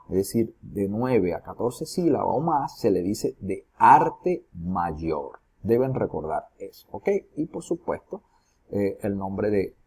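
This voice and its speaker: A male teacher walks through a recorded lesson step by step, often asking questions and then answering them himself. His voice is low, dark and slightly husky. His pitch swings widely between phrases. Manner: explains step by step, asks students rhetorical questions. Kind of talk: recorded lesson on poetry metrics.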